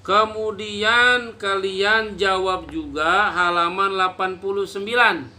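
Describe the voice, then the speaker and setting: Slow, bright-voiced male teacher. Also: high voice, fairly even intonation. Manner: casual and joking, drawing out Arabic examples slowly. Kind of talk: recorded Quran reading lesson for children.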